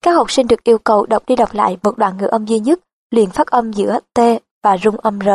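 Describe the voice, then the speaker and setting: A woman reading a nonfiction audiobook in an even, measured narration style. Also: mid-range voice, slightly rough, dry recording.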